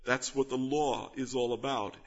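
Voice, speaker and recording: A man delivers an expository sermon in a husky, somewhat breathy voice. He teaches earnestly, stressing key words and asking rhetorical questions of his listeners. The recording sounds slightly dull and lo-fi. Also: mid-range voice, fairly even intonation, moderate pace. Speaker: pastor.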